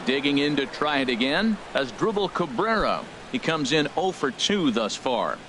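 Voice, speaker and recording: A man portrays a professional, composed video-game baseball announcer, delivering play-by-play over stadium noise. His fairly high voice swings widely in pitch at a normal speed.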